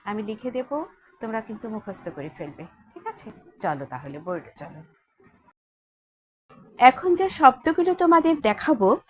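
A woman's voice: sits high, slightly rough. A woman with a Bengali accent teaching a Sanskrit lesson at a board, spelling words out letter by letter and asking her students checking questions. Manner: asks the class checking questions. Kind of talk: classroom lesson at a whiteboard.

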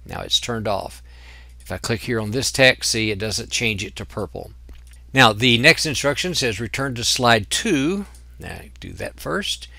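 A man teaching software in a screen-recorded tutorial, explaining each step patiently. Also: mid-range voice, animated, unhurried, vocal fry, no echo. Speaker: software instructor.

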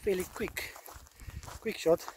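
A man in his thirties from South Africa, filming himself outdoors in dry bush with a camera on his rifle or held at arm's length, giving a hushed, low-key running commentary on a hunt and often dropping to a whisper. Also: slow, noisy background. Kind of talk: self-filmed hunting vlog.

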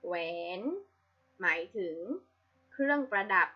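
A woman's voice: mid-range voice, expressive, slow pace, faint music behind. A woman teacher giving a reading lesson to young pupils, patiently spelling out each sound. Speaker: primary school teacher. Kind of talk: slow, clear classroom reading lesson. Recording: slightly dull lo-fi audio.

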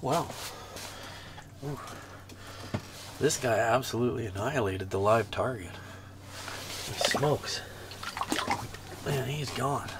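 A young man in a small ice fishing shelter, giving excited running commentary on each bite as he fishes. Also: mid-range voice, slow, long pauses, background noise.

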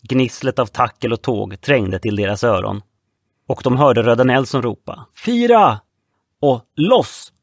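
A man reading an adventure audiobook aloud in a steady, measured way. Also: medium pitch, vocal fry, dry recording. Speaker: audiobook narrator. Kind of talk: audiobook narration.

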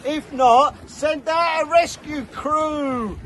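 A man's voice: extremely high pitch, slow pace, a bit bright. A middle-aged man chatting as a vlog host from a small sailing boat at sea, jokey and self-mocking, filming himself on a phone at arm's length. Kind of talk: casual vlog chat. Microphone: phone camera at arm's length. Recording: wind and water noise.

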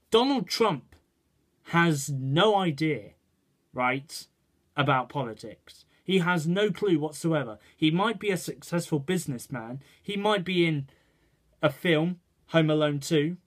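A man's voice: a little high, animated, takes it slowly. A man ranting his opinions to camera in a rambling way, checking in with "right" and "okay". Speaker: vlogger. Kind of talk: casual opinion rant to camera.

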